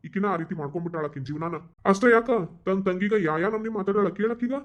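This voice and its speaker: A man's voice: high voice, fast, natural voice. A man voicing a stern, resentful father in a cartoon, scolding in a North Karnataka accent. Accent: North Karnataka Kannada. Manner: scolding, grumbling. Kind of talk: cartoon voice acting. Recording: dull lo-fi recording.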